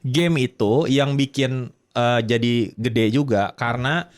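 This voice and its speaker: A young man telling stories as a podcast co-host in a casual, slangy, animated way. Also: medium pitch, unhurried, smooth. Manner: animated storyteller, slangy, rising to excited laughter. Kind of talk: casual chat.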